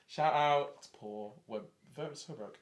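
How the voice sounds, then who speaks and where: A man co-hosting a casual podcast chat, talking fast and gushing with lots of "like" and "um". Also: fairly high pitch. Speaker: podcast co-host.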